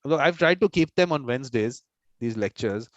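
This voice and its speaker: A man's voice: mid-range voice, animated, normal speed, no room sound. Talkative man on a dull call. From India. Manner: talkative, repeats words while planning aloud. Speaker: host and mediator. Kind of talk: informal video-call conversation. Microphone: video call.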